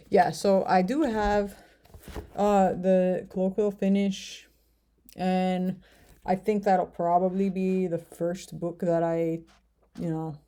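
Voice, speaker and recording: Speaking casually to camera, this American language-learner vlogger has a mellow voice on the low side. She wanders from point to point hesitantly, using plenty of fillers.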